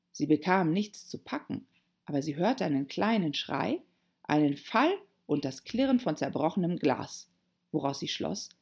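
Breathy woman reading a storybook. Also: deep voice, highs cut off. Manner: expressive reading. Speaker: narrator. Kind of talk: storybook narration.

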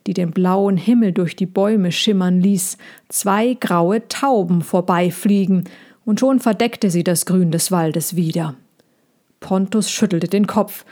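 Woman narrator, storybook reading, slow and hushed, mellow tone. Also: lowish voice.

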